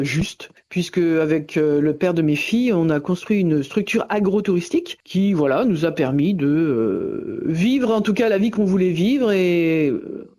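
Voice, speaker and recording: A middle-aged woman from Normandy, France, speaks in a low, mellow voice, hesitant and searching for words. A farmer and founder of a forest garden, she gives a personal account in a radio interview conducted over the phone.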